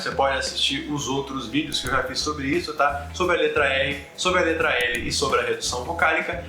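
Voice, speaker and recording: A Brazilian man teaching pronunciation in a casual spoken lesson, explaining patiently, checking in with quick tag questions and slowing down to demonstrate sounds. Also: mid-range voice, bright, forceful tone. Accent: Brazilian Portuguese. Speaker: language teacher. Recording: echoey room with faint ambient noise.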